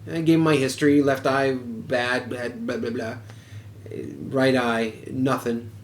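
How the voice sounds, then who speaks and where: A man's voice: mid-range voice, flat delivery, unhurried. A man telling a personal story in a casual way, frank and swearing freely. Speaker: podcast host. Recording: roomy echo, faint background noise.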